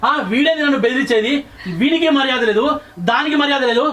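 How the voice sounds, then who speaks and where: A man's voice: very high voice, quick pace, a bit bright. A man with a Telangana accent playing an arrogant, drunken husband who taunts and boasts. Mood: scornful. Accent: Telangana Telugu. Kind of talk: short film drama acting.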